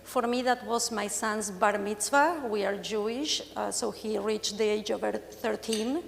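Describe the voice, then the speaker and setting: Heard with long hall reverb and slight background noise, a woman speaks a little slowly in a gravelly mid-range voice. In her forties and from Argentina, with Spanish as her first language and an Argentine accent, she gives a candid, joking conference presentation on stage as a patient speaker.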